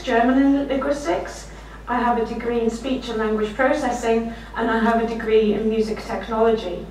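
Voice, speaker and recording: Heard from across an echoey lecture room, a middle-aged woman with a slightly croaky, fairly high voice delivers a keynote from behind a desk. She is warm and anecdotal, pokes fun at herself, and often laughs while speaking. The room mic is far from her and picks up a little hiss or hum.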